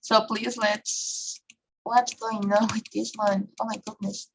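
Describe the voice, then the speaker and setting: A woman's voice: medium pitch, flat delivery, slow, gravelly, a little hiss or hum, low-quality recording. Woman teaching English online. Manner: frequent checking questions, filler okay and right.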